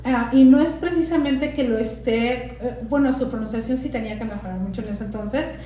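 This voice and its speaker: A woman, a guest English teacher, explaining with examples in a casual interview and pausing to find her words. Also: fairly high pitch, mellow. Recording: very echoey room with faint noise.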